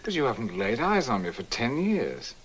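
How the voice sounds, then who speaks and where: A middle-aged actor playing a suave American scholar and host, with a wry, urbane manner, in 1960s film acting. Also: male voice, medium pitch, sing-song, moderate pace, slight background noise, natural voice.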